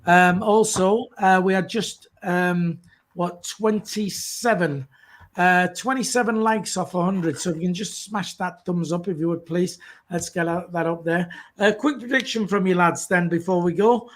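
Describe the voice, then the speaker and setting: A man hosting a casual live stream, talking haltingly with many "uh" fillers. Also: high voice, steady tone. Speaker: host.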